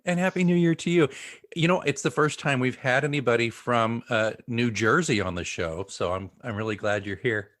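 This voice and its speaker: A podcast host with a mid-range, fairly bright voice speaks at a moderate pace during an interview. He's chatty and joking, tossing folksy asides to his listeners.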